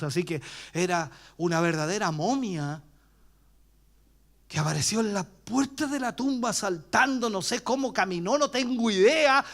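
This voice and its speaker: A man with a Chilean accent preaches in a church, his voice pitched high and ranging widely as he tells the story. He swings from loud cries down to hushed whispers. He acts out the voices of the people in it as he goes. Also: creaky. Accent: Chilean Spanish. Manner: acts out bystanders' voices while retelling. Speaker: pastor. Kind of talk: preached sermon.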